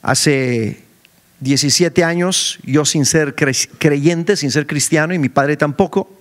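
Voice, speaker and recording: A middle-aged man, preaching a sermon as a story and acting out the dialogue with sudden jumps in pitch. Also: slow pace. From Mexico. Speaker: preacher and school director.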